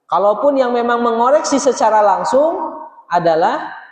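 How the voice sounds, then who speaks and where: A man teaching Quran recitation in a mosque, chanting verses slowly and explaining pronunciation. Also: very high voice, expressive, roomy sound, big-room sound.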